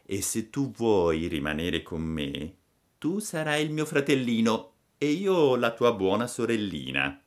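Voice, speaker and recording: The fairy is kind but gently stern, speaking in a calm and measured motherly way with lively rises and falls. A man acts her out in a storybook reading, keeping her unhurried. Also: fairly low pitch, voice pushed up. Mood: gentle.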